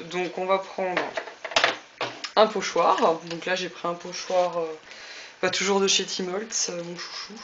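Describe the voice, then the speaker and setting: A woman's voice: on the low side, highs cut off, noisy background. A woman hosting a casual craft tutorial, chatting through each step with lots of fillers. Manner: chatty, many fillers and little "hop" cues. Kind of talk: casual demonstration.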